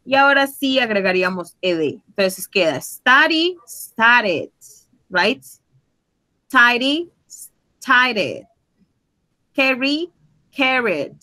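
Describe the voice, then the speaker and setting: On a low-quality recording, a woman with a high-leaning, very animated, bright and forceful voice teaches English grammar to Spanish speakers. Her explanations are patient and mix Spanish with English. She lingers slowly over example words and keeps asking tag questions to check in.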